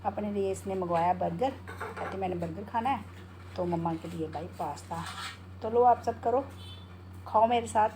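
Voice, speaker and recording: A woman's voice: mid-range voice, normal speed, long pauses, noisy background. A middle-aged woman, a home vlogger who coos baby talk to her pet bird and chats casually with viewers from home. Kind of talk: casual home vlog chat. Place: home, bedroom and kitchen.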